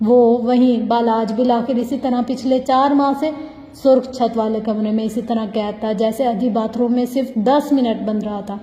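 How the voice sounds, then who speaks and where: A woman's voice: a little high, dark tone. A woman reading a novel aloud as a first-person narrator, intense and heartfelt, in an echoey room with a long reverb. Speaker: audiobook narrator.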